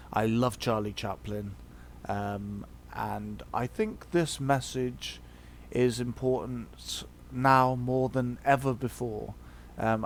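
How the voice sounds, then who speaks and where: A man speaks slowly to viewers as a video host, with a mid-range voice. He is halting and reflective as he shares opinions casually. Faint noise sits behind him. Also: mid-range voice.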